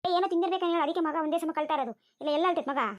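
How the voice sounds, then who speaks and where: Woman doing a shrill preachy village neighbor. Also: very fast. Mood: gossipy. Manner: lecturing, gossipy. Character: nosy neighbor mother, preachy and fussy.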